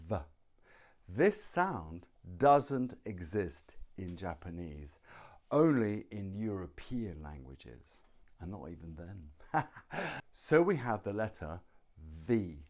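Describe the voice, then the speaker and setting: A middle-aged man with a British accent teaching pronunciation, slowly repeating words and sounds. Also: fairly low pitch, darkish tone. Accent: British English. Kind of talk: slow pronunciation lesson.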